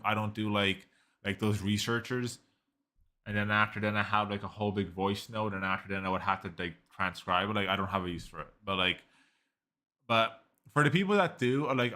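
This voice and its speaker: A man reviews an AI tool in a relaxed screen recording, his lowish voice pushed and bright. As a tech reviewer he wanders, overuses "like," and often starts his sentences over.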